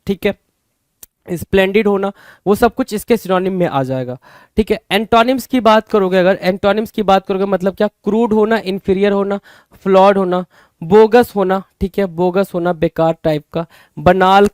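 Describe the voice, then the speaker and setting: A man's voice: sits high, a little mellow, clean tone, no room sound. A man teaching an exam-prep vocabulary lesson. He keeps repeating words and asking the viewer rhetorical questions.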